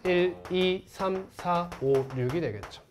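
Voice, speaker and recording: A man's voice: sits high, takes it slowly, slight background noise. A male math teacher giving a classroom lecture, who keeps asking the class questions and then answers them himself.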